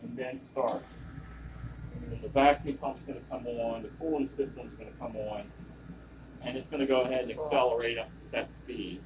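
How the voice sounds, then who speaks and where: A service technician of medium pitch and fairly even intonation explains equipment at a normal speed during hands-on training, in a loose, rambling manner with tangents. The mic is distant, and loud compressor and vacuum pump noise from the running lab machinery dominates.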